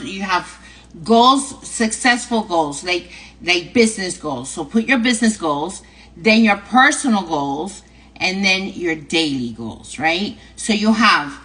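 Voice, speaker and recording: In a mid-range voice that is bright and forceful, a middle-aged New Yorker with a local accent casually hosts a livestream of advice. She's chatty and repetitive and keeps adding "right?" and "okay?" to her lines. The audio is poor.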